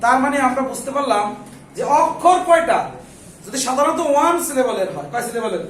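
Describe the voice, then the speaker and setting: Teaching English grammar, a man speaks a little fast in a very high, somewhat bright voice with lively intonation. He asks the students question after question, answers them himself, and scolds any chatter. The echoey classroom is captured from afar, with a little hiss or hum.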